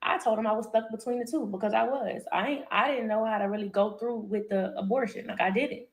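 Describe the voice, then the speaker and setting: A young woman, telling a personal story to her viewers in a candid, animated, profane way. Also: on the high side, fairly quick. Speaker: vlogger. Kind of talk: storytime vlog.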